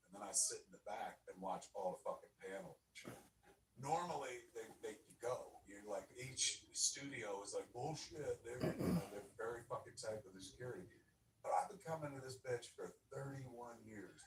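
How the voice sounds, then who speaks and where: A man's voice: fairly low pitch, moderate pace. A middle-aged man telling a long, profane convention story in a loose, rambling way, full of fillers. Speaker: podcast storyteller recounting a convention. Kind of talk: casual rambling chat. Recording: roomy distant sound with faint noise.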